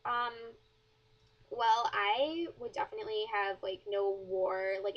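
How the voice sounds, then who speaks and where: A teenage girl from southern Wisconsin, USA, answers follower questions in a casual Q&A vlog, her light, mid-range voice flat and level with vocal fry. She rambles, filling her speech with "like" and "um." The audio sounds dull and lo-fi, like a cheap webcam mic.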